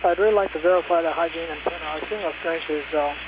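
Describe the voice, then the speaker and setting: Higher-voiced flight controller, very noisy loop. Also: male voice, fast talker. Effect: intercom radio loop. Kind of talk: technical mission control loop talk. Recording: muffled control-loop audio, loud hum.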